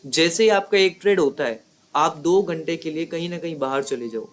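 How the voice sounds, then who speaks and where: A man's voice: a little high, moderate pace. A man teaching as a trading mentor, talking in a conversational way and often checking in with his listeners. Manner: conversational, repeats points with rhetorical checks. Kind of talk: explanatory lesson.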